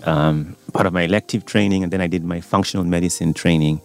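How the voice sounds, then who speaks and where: A man, a doctor speaking as a guest on a radio show. He explains things in a relaxed way, pausing on fillers. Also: low-pitched, gravelly. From Uganda. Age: 40s. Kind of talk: radio interview. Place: radio studio.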